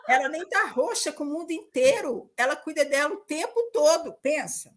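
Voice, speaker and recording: Woman, 60s, warm-hearted storyteller in casual talk; pitch slightly high. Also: moderate pace. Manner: animated storytelling, laughing often. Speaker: mother, systemic counselor. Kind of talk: casual conversation.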